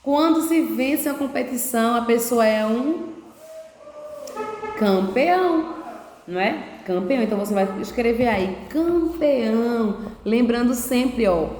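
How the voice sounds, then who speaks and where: A woman primary school teacher explaining a lesson to young children, patiently sounding out syllables slowly and checking in often. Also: a little high, a little mellow, slight background noise. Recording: echoey room, long reverb.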